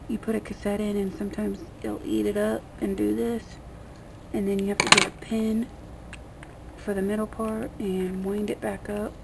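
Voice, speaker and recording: At a table in a small, dim room, a vlogger with a creaky, mid-range voice rambles through an unscripted hands-on tutorial. Her talk is colloquial and a bit crude. The noisy homemade recording comes from a camera mic aimed at her hands.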